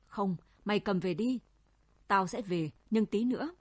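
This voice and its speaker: A woman's voice: medium pitch, unhurried, slightly rough, dry recording. Woman voicing a scared young village man. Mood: fearful. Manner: fearful blunt refusals. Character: frightened twenty-year-old village man, timid.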